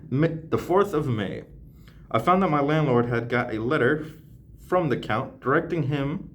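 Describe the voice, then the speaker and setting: A man's voice: on the high side, huge pitch swings, slow pace, long pauses, a little hiss or hum. A young man reading a classic novel aloud on camera and breaking off for slangy, joking asides, often laughing. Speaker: channel host.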